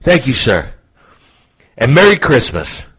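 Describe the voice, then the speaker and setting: A man voicing a loud, brash male butler in a gruff, husky voice for a comedic parody radio play. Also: medium pitch, wildly swooping pitch, slow pace, noisy background, voice pushed down.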